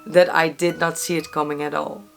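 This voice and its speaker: A woman's voice: sits low, flat delivery, brisk, creaky, over music. A woman whose first language is Dutch, sounding stuffy from a cold, narrating a true crime case dramatically and then chatting casually as host.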